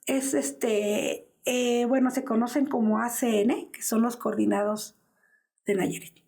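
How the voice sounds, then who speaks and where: A woman's voice: fairly high pitch, fairly even intonation, unhurried, gravelly, dark tone. A woman in her fifties with a Mexican Spanish accent, giving an interview as the mother of a missing man and telling an anguished story that acts out the dialogue. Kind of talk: personal testimony in an interview.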